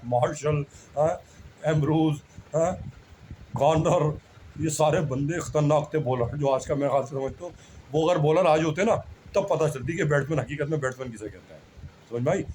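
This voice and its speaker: A man's voice: on the high side, a little mellow, slight background noise, low-quality recording. A man talking in a casual, rambling monologue, humbly repeating himself and often addressing the listener as brother. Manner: rambling, repeats himself, keeps saying "bhai sahab"; humble, self-deprecating. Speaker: religious speaker.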